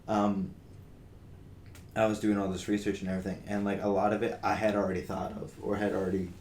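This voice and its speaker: This podcast co-host is a young man whose fairly low, slightly mellow voice barely moves in pitch and runs a little fast. He speaks earnestly in casual conversation, often restarting and using fillers. The recording sounds roomy with a faint hiss of noise.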